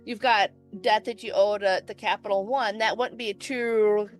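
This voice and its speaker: A woman's voice: medium pitch, steady tone, moderate pace, soft background music, rough recording. A woman hosting a podcast interview, putting in brief agreements and questions. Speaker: podcast host. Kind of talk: casual interview.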